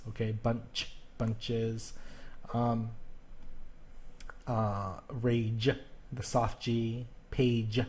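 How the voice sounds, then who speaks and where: A man giving a recorded pronunciation lesson in a patient, step-by-step way. He often stops to check in with the listener. He says example words slowly and more than once. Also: mid-range voice, darkish tone. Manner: patient, explains step by step with frequent checks like "okay?". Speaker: teacher. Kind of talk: spoken grammar lesson.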